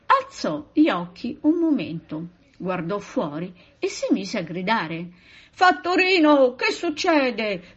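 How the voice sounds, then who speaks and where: A woman teacher reading a children's story aloud with expressive, animated delivery. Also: on the low side, slightly rough. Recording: muffled lo-fi recording.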